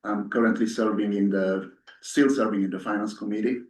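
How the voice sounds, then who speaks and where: Man, low voice, hesitant and earnest, candidate speech, echoey room, distant mic. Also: steady tone, a little fast, a little mellow. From Ethiopia-born, raised in Italy. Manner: hesitant, many fillers, earnest. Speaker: board candidate. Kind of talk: candidate speech at a community meeting. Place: community meeting hall.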